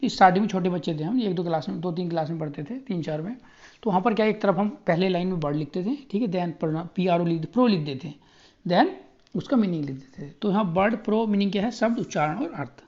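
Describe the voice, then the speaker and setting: Teacher type, male, mellow tone, spells slowly letter by letter, slightly muffled lo-fi recording. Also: sits high. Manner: spells words out letter by letter, repeats checks for understanding. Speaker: exam coaching teacher.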